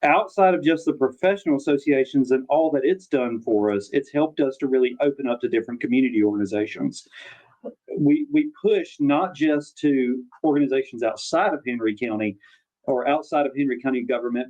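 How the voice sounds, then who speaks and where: A man's voice: mid-range voice, a little mellow, dull audio. A man on parks department staff, talking casually and practically during an interview.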